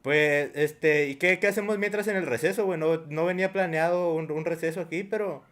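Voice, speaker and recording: A man's voice: on the high side, fairly quick, fairly bright tone. A man from Mexico hosting a casual podcast with guests, joking in slang and laughing often. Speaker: podcast host. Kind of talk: casual chat.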